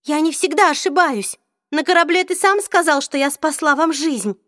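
A woman's voice: high-pitched, moderate pace, fairly bright tone, no room sound, studio quality, voice pushed up. A woman voicing a hurt, defiant teenage girl, raising her voice slightly in an audiobook reading.

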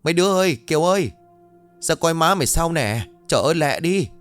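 A man voicing a loud, bossy middle-aged village neighbor woman in an audio ghost story. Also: sits low, big pitch swings, normal speed, soft background music. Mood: alarmed shouting.

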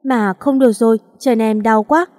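A woman's voice: fairly high pitch, normal speed, dark tone, lightly acted. A woman voicing a lost, tearful little girl who whines and pleads. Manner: whiny, pleading. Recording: long reverb.

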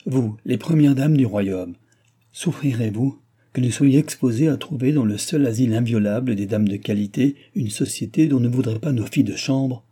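A man's voice: on the low side, normal speed, dark tone, husky. A man voicing a proud, outraged noblewoman, a duchess, speaking in an indignant, pleading and emphatic way.

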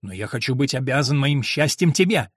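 A man doing a low, coaxing, lustful monk. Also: lively intonation, a little fast, slightly rough, no echo, clean studio sound. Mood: domineering. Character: lustful, domineering older male monk.

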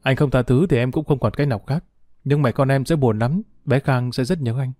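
A man's voice: mid-range voice, brisk, a little mellow, dry recording, studio quality, faint music behind, natural voice. A man voicing a young wife who reproaches her former lover through sobs, in a storybook reading. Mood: tearful. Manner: sobbing, bitter reproach. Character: young wife, tearful and resentful.

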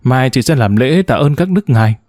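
A man's voice: medium pitch, expressive, moderate pace, darkish tone, no room sound, clean studio sound, natural voice. A man reading a story and voicing a stern, self-important middle-aged woman who scolds in a proper tone. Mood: pleased.

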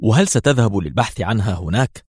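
A man's voice: lowish voice, animated, fast talker, darkish tone, husky, no echo, clean studio sound. A man voicing a composed young female intelligence agent who answers politely.

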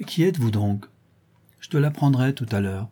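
A man voicing a composed nobleman in disguise who speaks calmly and with authority. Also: medium pitch, moderate pace, lightly acted.

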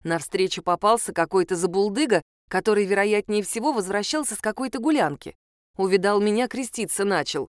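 A woman narrating a first-person fantasy story in a calm, measured manner. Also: mid-range voice, dry recording, clean studio sound. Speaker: audiobook narrator.

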